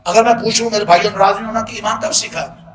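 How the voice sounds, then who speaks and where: A man preaching a sermon with impassioned force, often breaking into shouts. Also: high-pitched, roomy sound, a crowd in the background.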